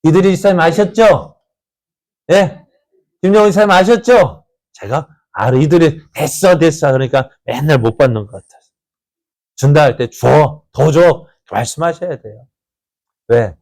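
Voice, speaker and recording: A man's voice: on the high side, lively intonation, moderate pace, pauses often, a little mellow. A male pastor preaching a conversational sermon, telling a story and constantly asking the congregation rhetorical questions.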